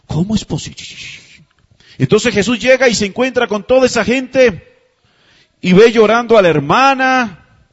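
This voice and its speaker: A high-pitched man delivers a sermon in a conversational way, tossing out rhetorical questions and having the congregation repeat lines back to him. The sound is dull and muffled, like a radio broadcast. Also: moderate pace, long pauses. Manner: calls the congregation to repeat phrases. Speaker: pastor.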